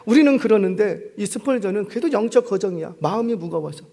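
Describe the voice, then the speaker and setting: Middle-aged pastor, male, gravelly and a bit high, acts out story voices mid-sermon. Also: animated, quick pace, dark tone. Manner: acts out story characters with shifting voice and volume. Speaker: senior pastor.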